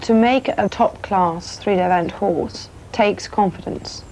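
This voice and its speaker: A woman's voice: mid-range voice, measured pace, dark tone, slight background noise, low-quality recording. A woman, an event rider speaking candidly and self-deprecatingly in a documentary interview.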